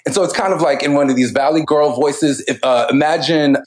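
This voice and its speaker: A man's voice: a little high, steady tone, fairly quick, low-quality recording. A man co-hosting a podcast, talking through cultural commentary in a thoughtful way, with frequent laughs and restarts. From United States. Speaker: podcast co-host. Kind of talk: casual cultural commentary chat.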